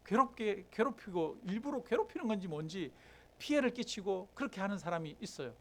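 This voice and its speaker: A man's voice: sits high, big pitch swings, brisk. A middle-aged man preaching a sermon as pastor, questioning the congregation and acting out heated prayers. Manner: asks the congregation questions, acts out angry prayers.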